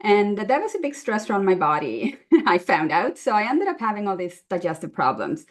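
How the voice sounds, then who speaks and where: A woman's voice: mid-range voice, very animated, moderate pace. A woman in her fifties from Sweden, telling her story casually as a podcast guest, with frequent laughs. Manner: chatty, laughs often, many fillers. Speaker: guest nutritionist.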